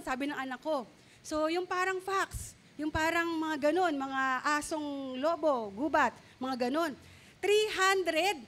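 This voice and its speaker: A middle-aged woman pastor giving an animated sermon, asking the congregation questions and mixing English words into Filipino. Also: sits high.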